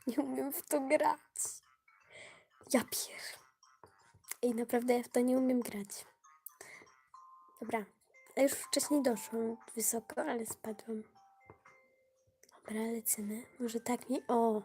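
A woman's voice: on the high side, steady tone, slow, long pauses, mellow, soft background music. A woman live-streaming games who talks to her viewers, often slipping into a whisper, her voice touched by a cold and easily flustered when she loses. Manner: often drops to a whisper while playing. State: voice affected by a cold. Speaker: gaming livestreamer. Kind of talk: casual live gaming stream.

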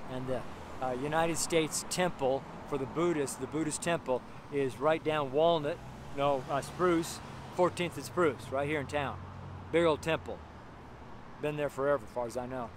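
A middle-aged man preaches on a street corner, a little higher-pitched than most men. He talks in an emphatic, rambling way, full of fillers and asides. Cars pass clearly in the background of the close handheld recording. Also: normal speed. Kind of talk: outdoor street sermon. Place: outdoors on a sidewalk by a street. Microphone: camera held close, selfie framing. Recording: outdoor street with audible traffic noise. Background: passing traffic.

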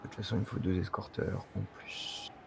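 Male co-op gamer, deep and gravelly, relaxed conversational chat during play. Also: brisk, background noise. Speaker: co-op gaming partner. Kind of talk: casual chat during a strategy game.

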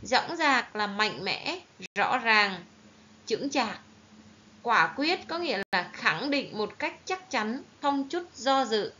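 Brief: woman teacher with a Southern Vietnamese accent, clear and careful diction, fairly high voice, dull lo-fi recording. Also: big pitch swings, bright, forceful tone. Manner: slow, careful, clearly enunciated teaching delivery. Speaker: primary school teacher. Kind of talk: recorded online reading lesson for children. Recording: dull lo-fi recording with faint hiss.

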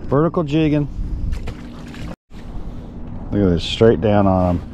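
On a small fishing boat on an open, windy lake, a man with a fairly low, dark, animated voice talks unhurriedly and folksily to viewers as a fishing guide and host. A body-worn action camera gives lo-fi sound with a little hiss or hum.

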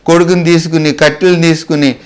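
A male preacher, preaching a sermon as animated storytelling, asking the congregation rhetorical questions and acting out the characters' dialogue. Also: on the high side, fairly quick. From Andhra Pradesh, India.

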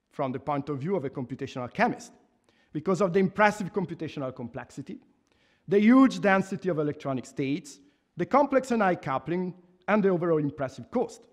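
Speaking into a stand-mounted microphone at a university lectern, an Italian-accented professor in his thirties from Italy reads his laudation from notes. His voice is a little high and expressive, and his delivery is earnest and measured, with restarts and emphatic pauses.

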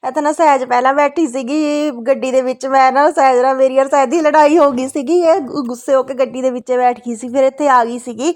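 A woman's voice: sits high, steady tone, brisk, few pauses. A woman from Punjab in her thirties, a mother chatting casually to her family vlog audience and often tagging "isn't it" onto her sentences. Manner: chatty, keeps adding "isn't it" tags.

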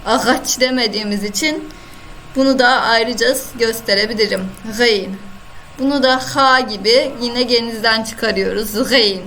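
A woman with a Turkish accent teaching Arabic letters in an online lesson, patiently repeating each sound slowly. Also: on the high side, sharp tone, slight background noise, low-quality recording. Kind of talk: online lesson, screen-share.

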